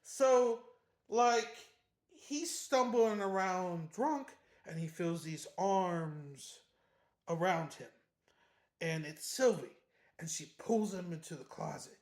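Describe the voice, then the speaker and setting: A book reviewer giving a casual, animated chapter recap, slangy and laughing often. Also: mid-range voice, slow. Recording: roomy echo.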